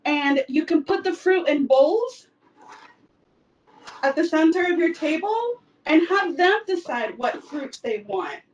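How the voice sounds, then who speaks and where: A woman from El Salvador, working as a cooking instructor, gives a casual demonstration in her home kitchen, chatting away with plenty of fillers. Her high-pitched, expressive voice moves slowly and sounds distant from the mic in a muffled recording.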